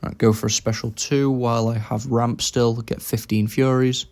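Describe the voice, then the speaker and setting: A man's voice: medium pitch, level tone, normal speed, a little mellow. A young man giving casual commentary over his own game, thinking aloud about each move as he plays.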